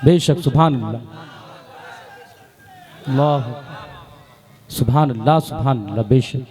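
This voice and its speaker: A man's voice: mid-range voice, a little slow, dark tone. A man acting as stage announcer, calling out responses and slogans over a live PA. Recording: live PA with crowd noise.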